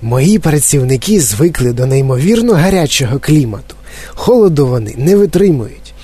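A man voicing an eccentric, excitable male chocolate-factory owner who speaks in a high, clear, flute-like voice and gushes with delight. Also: normal speed. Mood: gushing, excited. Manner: effusive, bubbling with excitement. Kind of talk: audiobook character voice.

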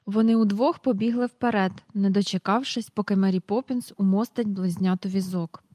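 A woman narrating a children's storybook in a calm, even manner. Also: mid-range voice, normal speed, no echo, studio quality. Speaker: audiobook reader.

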